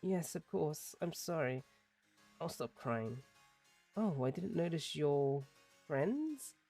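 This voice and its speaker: A young castle maid who has been crying, read aloud by a man playing the game. She is soft-spoken and apologetic, with faint music underneath. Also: a little high, very animated, slow, creaky, exaggerated voice. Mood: tearful.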